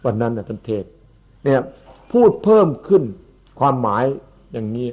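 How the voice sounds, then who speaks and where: A man, a monk, giving an unhurried Dhamma sermon that explains Pali terms and repeats his words. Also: mid-range voice, very animated. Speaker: Buddhist monk. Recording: tinny phone-like recording.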